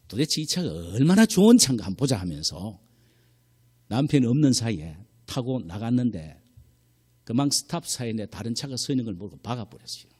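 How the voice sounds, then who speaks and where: A male pastor preaching a sermon, telling stories with swings from hushed near-whispers to loud exclamations. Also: mid-range voice, husky. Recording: long church hall reverb.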